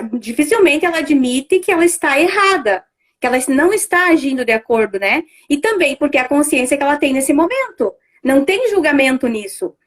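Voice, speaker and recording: High-voiced woman, chatty. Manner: conversational, many fillers and restarts. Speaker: family constellation facilitator. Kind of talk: casual live-stream talk.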